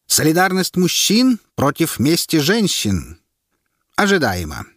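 A man reading an audiobook and voicing a commanding, mocking male herald who proclaims loudly and drags out his words. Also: fairly high pitch, wildly swooping pitch, unhurried, no room sound, studio quality, voice pushed up, heavily acted. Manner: loud, proclaiming, drawn out.

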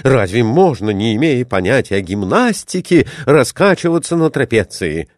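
A man voicing a fussy, solicitous gentleman who keeps questioning in a storybook reading. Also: mid-range voice, sing-song, normal speed, no echo, studio quality, voice pushed up, natural voice. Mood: fussing. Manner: fussing, questioning.

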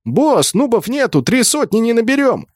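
A man voicing a brash, rowdy orc berserker warrior who shouts crude taunts in an audiobook. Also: a little high, sing-song, moderate pace, no echo, clean studio sound, pitched above the performer's own voice. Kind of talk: audiobook character voice.

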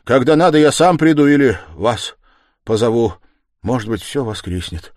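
A man voicing a troubled, brooding young man who speaks in a halting, strained and insistent way. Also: mid-range voice, lively intonation, a little mellow, no echo, clean studio sound, pitched above the performer's own voice, close to an everyday voice.

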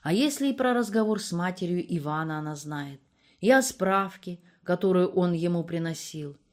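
A woman narrating a novel as an audiobook, with expressive storytelling. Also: lowish voice, moderate pace. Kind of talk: audiobook reading.

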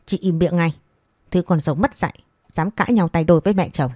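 A shrill, scornful old mother-in-law, sharp-tongued and quick to scold, as a woman storyteller puts her on. The voice sits low and dark, and the words come fast and cutting. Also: dry recording, clean studio sound, lightly acted. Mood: furious.

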